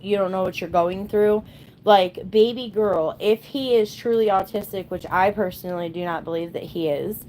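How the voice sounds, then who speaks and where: A woman's voice: medium pitch, slight background noise, rough recording. A woman in her thirties ranting bluntly and sarcastically to her livestream viewers in casual chat. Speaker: livestream host.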